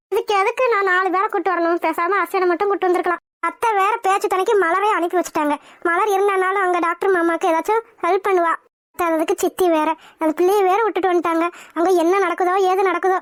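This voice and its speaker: A woman voicing an anxious pregnant young wife in a cartoon who pleads, terrified of needles. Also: extremely high pitch. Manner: fretful, pleading. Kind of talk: cartoon voice acting.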